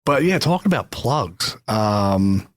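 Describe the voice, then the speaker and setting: Man, lowish voice, podcast host, relaxed, rambling, filler-heavy. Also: slow, dry recording. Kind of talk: casual interview.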